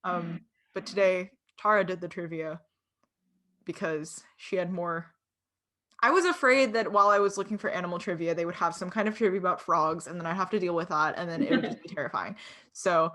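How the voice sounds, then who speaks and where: A woman's voice: lowish voice, sharp tone. Giggly young woman hosting online trivia. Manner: giggly, chatty, with filler words. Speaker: webinar host. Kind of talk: casual chat running online trivia.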